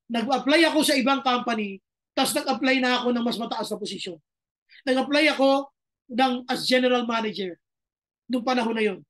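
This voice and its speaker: A middle-aged man preaching in a notably high voice. He works through personal stories, acts out what people said to him, and drops into English for his main points. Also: fairly bright tone. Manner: storytelling, mixing in English lines, acting out quotes. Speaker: pastor. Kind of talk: sermon.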